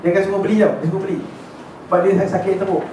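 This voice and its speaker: A man's voice: sits high, steady tone, rapid-fire, dark tone. A man teaching a religious class as casual storytelling, chatty and often checking in with his listeners. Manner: chatty, checks in with listeners, mixes in English words. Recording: echoey hall, distant mic, faint noise.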